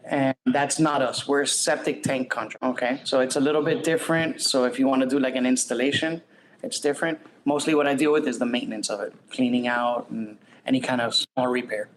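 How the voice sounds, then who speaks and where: A man's voice: mid-range voice, fairly even intonation, a little fast, slight background noise, low-quality recording. A man who runs a septic service, talking informally in a podcast interview in a plain, rambling way. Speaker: septic service owner-operator.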